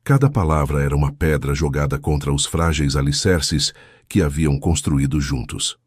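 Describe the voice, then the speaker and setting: A man's voice: rumbling low, moderate pace, slightly rough, no room sound, clean studio sound. A man giving a solemn, scripted narration of a romance story.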